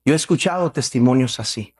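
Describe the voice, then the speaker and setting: A man's voice: medium pitch, fairly quick, breathy edge. A man preaching a sermon as pastor, telling personal stories with light humor and asking the congregation direct questions.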